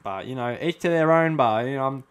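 A man's voice: mid-range voice, expressive, fairly quick, clean tone, natural voice. A young man in his twenties with an Australian accent, playing a cocky, combative eshay lout in comedic commentary full of eshay slang. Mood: cocky, casual. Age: 20s. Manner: eshay slang, tacks 'bah' onto sentences. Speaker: comedy host reacting to a chatbot. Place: small room at home, indoors. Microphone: close studio mic on boom arm.

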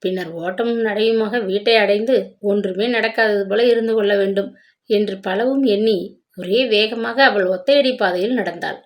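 A woman reading a romance novel aloud with steady, measured narration. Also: medium pitch. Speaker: storyteller.

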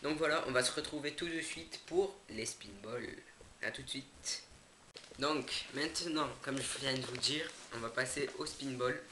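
A young man casually unboxing products for his channel, hesitant with many fillers and self-corrections, indoors away from home. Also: medium pitch. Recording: echoey room, noisy background. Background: crinkling packaging and clicks.

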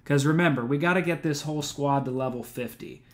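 A man's voice: fairly high pitch, fairly quick. A man in his twenties giving casual, rambling gameplay commentary on a live stream, full of "um" and easygoing slang. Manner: rambling, laid-back, frequent "um" and slang like "dude" and "man". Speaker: let's play streamer.

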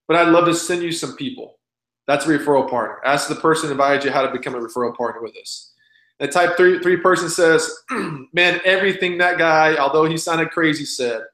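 A man in his thirties giving a recorded webinar pitch, blunt and folksy, urging listeners to go for it. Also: a bit bright, roomy sound. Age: 30s. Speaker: presenter.

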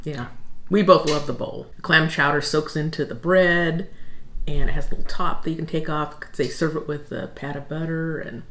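A woman's voice: sits low, fairly even intonation, normal speed, fairly bright tone, echoey room. A middle-aged woman co-hosting a food tasting, chatting casually and reflectively at a table at home. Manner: chatty, reflective, recalls details. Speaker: food channel co-host. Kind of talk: casual taste-test chat. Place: dining room at home, seated at a table.

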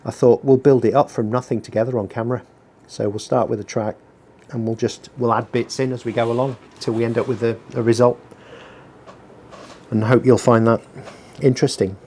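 A small business owner blogs his work from the bench, rambling casually with dry, self-mocking humour. His mid-range voice has little pitch movement, a moderate pace and a slightly mellow quality, with a little hiss or hum. The mic sits on the bench under him as a workshop heater runs.

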